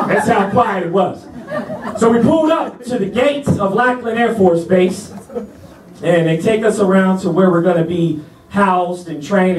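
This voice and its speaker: A man's voice: high voice, echoey room, recorded from a distance, slight background noise, poor audio. A man doing stand-up, telling a story in a laid-back, chatty way and checking in with the crowd as he goes. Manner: laid-back, chatty, asks the crowd "you know what I'm saying". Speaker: stand-up comedian. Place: comedy club stage.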